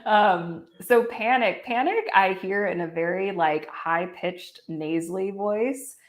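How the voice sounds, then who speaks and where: A woman's voice: mid-range voice, takes it slowly. A woman co-hosting a casual podcast discussion, reflective and full of "like" and "um" fillers. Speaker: podcast co-host.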